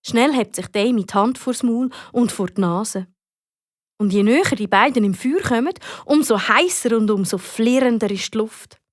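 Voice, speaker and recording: A woman with a Swiss German accent narrating a children's audiobook in a lively, expressive way. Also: fairly high pitch, moderate pace, no room sound, studio quality. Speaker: storyteller.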